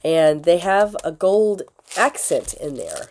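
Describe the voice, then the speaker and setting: Slow, hoarse woman vlogger. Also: lowish voice, big pitch swings, a little hiss or hum. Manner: slow, unhurried talk with fillers and soft laughs. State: hoarse from a lingering illness. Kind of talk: casual crafting tutorial.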